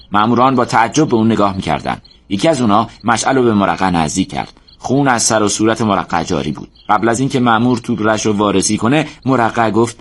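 Man, storyteller, scripted narration, fairly low voice, steady measured delivery.

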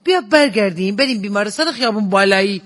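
A man's voice: high-pitched, lively intonation, a bit bright. A man playing a chatty, teasing middle-aged wife in a comedy sketch, telling stories about her husband with a laugh. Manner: gossipy, teasing, often laughing. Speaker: comic storyteller in a sketch.

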